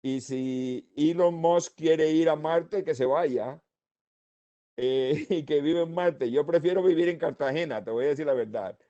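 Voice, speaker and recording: A man from Colombia speaking, giving his views as a panelist in a seminar discussion in an animated, rambling way. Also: on the high side, unhurried, dull audio. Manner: animated, rambling, laughs between points.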